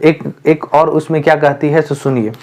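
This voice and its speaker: A man with a fairly high voice walks students through a story for an exam. He explains each line slowly, circling back and repeating himself with plenty of fillers. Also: flat delivery, darkish tone. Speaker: teacher.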